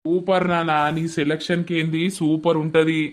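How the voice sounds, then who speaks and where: A man's voice: fairly high pitch, monotone, normal speed, close to an everyday voice. A man voicing a polite young village suitor in a cartoon, with a Telangana Telugu accent and a talkative, reassuring manner. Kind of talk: animated cartoon voice acting.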